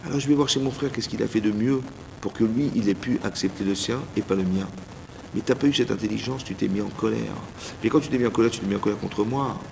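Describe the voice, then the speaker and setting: Man, rabbi, lowish gravelly voice, animated informal sermon, reverberant hall, faint background noise. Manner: animated, addresses listeners directly, acts out dialogues. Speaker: rabbi giving a Torah class. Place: community hall.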